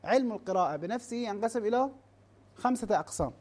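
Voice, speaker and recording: In a classroom lecture, a teacher keeps pausing to quiz the class, asking rhetorical questions and checking in with "ha?" The pitch is medium, the intonation lively, and the tone a little mellow. Speech is halting, with words restarted and lists of terms spelled out slowly.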